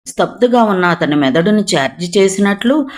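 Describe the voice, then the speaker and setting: Steady reader voicing a whole novel. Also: medium pitch, moderate pace. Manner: steady even reading, voicing all characters. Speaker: narrator. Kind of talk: reading a novel aloud.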